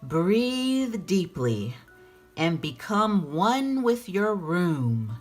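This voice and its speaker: A woman's voice: lowish voice, sing-song, very slow, a little mellow, soft background music, heavily acted. A woman voicing a soothing new-age therapist who talks as if guiding a meditation, in a children's storybook. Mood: soothing, hypnotic. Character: soothing, self-styled environmental therapist woman.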